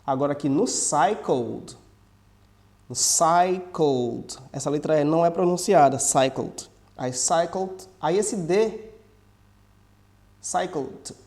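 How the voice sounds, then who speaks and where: A man from Brazil, an English teacher patiently explaining a lesson and slowly repeating example sentences. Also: fairly high pitch, a little mellow.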